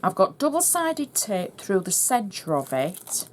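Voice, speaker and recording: Very animated yet slow-paced, a middle-aged woman with a Yorkshire accent and medium pitch chats through a cardmaking tutorial, explaining each step as she works. There's slight background noise.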